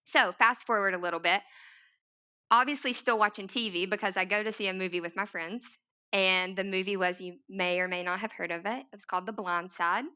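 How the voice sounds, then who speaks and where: A young woman giving a talk to an audience in a large room, telling her own story in a chatty, animated way with many fillers. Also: mid-range voice, brisk, clear, resonant tone. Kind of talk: conference talk.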